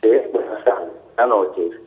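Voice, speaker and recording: A man's voice: fairly low pitch, unhurried. A man in his sixties with a Colombian accent, a caller who rambles and repeats himself. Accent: Colombian Spanish. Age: 60s. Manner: repetitive, rambling, keeps saying señorita. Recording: tinny phone line.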